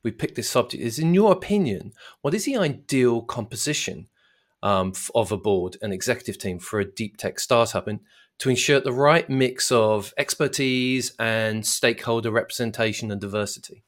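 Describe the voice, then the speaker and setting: A man hosting a podcast puts long, winding questions to his guest in an engaged way. His voice has a middling pitch for a man, and he sounds like an everyday speaker rather than a trained announcer. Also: lively intonation, normal speed. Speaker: podcast host. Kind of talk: interviewer asking questions.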